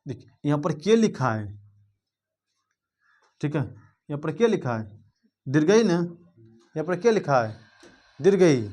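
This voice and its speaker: A man's voice: fairly high pitch, big pitch swings, darkish tone. A young man giving an informal blackboard grammar lesson, constantly checking in with his students. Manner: informal, addresses students directly with quick check-ins. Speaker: teacher.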